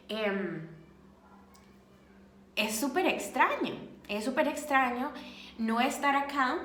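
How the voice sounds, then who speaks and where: A woman's voice: fairly high pitch, a bit bright. Earnest Costa Rican woman vlogging. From Costa Rica. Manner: earnest and reflective, searching for words. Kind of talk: casual vlog talk to camera. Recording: echoey room with faint noise.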